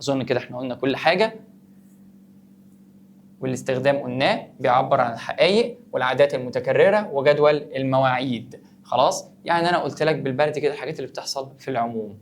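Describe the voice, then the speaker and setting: Fast-talking Egyptian teacher. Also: male voice, medium pitch, a little hiss or hum. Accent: Egyptian Arabic. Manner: asks and answers his own questions, playfully teasing the student. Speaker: English teacher. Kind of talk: online grammar lesson.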